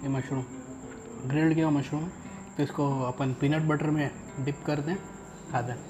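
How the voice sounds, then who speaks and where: A man's voice: fairly high pitch, steady tone, moderate pace, music in the background. A young man vlogging a casual food review, chatting as he tastes dishes at an outdoor rooftop restaurant. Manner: chatty, tastes and comments between bites.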